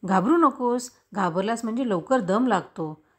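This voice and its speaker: A woman's voice: fairly high pitch, expressive, moderate pace. A woman voicing an encouraging young man who teaches a boy to swim, in a storybook reading.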